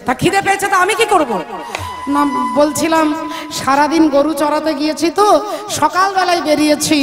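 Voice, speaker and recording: A woman's voice: high voice, a little fast, natural voice. A woman voicing a playful young cowherd boy who sweetly begs for food, over devotional music. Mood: coaxing. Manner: coaxing, sweetly pleading.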